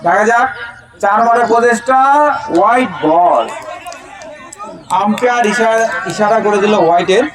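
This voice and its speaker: High-pitched man commentating cricket. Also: normal speed, pauses often. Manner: repeats phrases for emphasis. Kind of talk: live amateur cricket match commentary. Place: outdoors at a local cricket ground. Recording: loud crowd behind. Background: match crowd.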